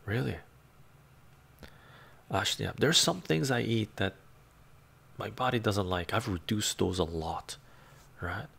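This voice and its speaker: A middle-aged man whose first language is Romanian hosts a casual live stream, reading comments from a home room full of bookshelves, lapel mic clipped on. His voice is on the low side, gravelly, slightly rough yet fairly bright, at a measured pace with frequent pauses. He rambles and keeps dropping "right?"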